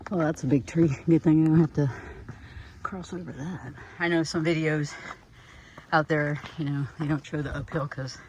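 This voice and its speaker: A man's voice: a little high, fairly even intonation, moderate pace, darkish tone, slight background noise, poor audio. Out-of-breath man hiking a trail. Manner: breathing heavy while walking uphill. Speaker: hiker vlogger. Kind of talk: casual narration while hiking. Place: outdoors on a forest trail.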